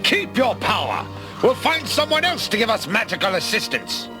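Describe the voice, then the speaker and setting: A man's voice: high voice, sing-song, normal speed, over music. A man playing a proud, vengeful cartoon villain lord with a pompous, declamatory delivery. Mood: furious.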